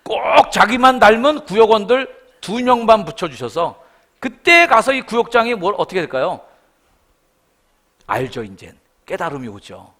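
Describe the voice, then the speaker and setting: A middle-aged man delivers a revival sermon in a church sanctuary, animatedly storytelling and voicing the people in his stories. He speaks at normal speed in a high voice.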